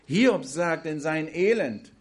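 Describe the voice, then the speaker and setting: A man delivers a sermon in a fairly high voice, speaking unhurriedly. He presses his points with emphasis and turns to the listeners with direct questions. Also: expressive, husky. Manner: slow, emphatic preaching, addressing the congregation directly. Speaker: preacher.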